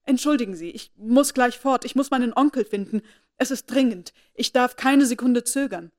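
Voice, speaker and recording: A woman doing a shaken young lady from a storybook, urgent and faltering, near tears. Her voice rises in pitch and loudness as worry breaks through. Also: steady tone, normal speed, lightly acted. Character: distressed young lady, anxious for her sister.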